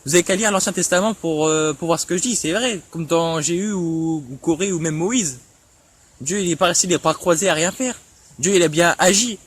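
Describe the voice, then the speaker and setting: High-voiced man stammering through a scolding rebuttal. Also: normal speed, breathy edge. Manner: stammering, repeats words and restarts often; reproachful, addresses a rival directly with questions. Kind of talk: impassioned online rebuttal.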